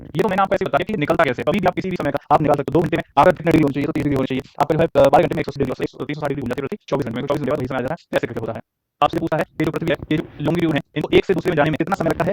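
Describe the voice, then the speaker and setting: A man's voice: on the high side, rough recording. A man teaching a geography lesson. He keeps asking his listeners questions, repeats each answer so they can write it down, and drags out English question phrases. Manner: repeats answers for note-taking.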